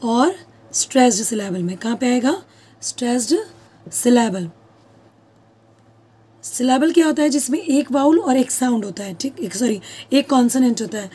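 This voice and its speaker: A woman's voice: fairly high pitch, animated, moderate pace, long pauses, dark tone, slightly rough. A woman teaching a lesson who asks questions, answers them herself and repeats key terms, speaking words. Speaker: English teacher. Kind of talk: classroom-style lesson.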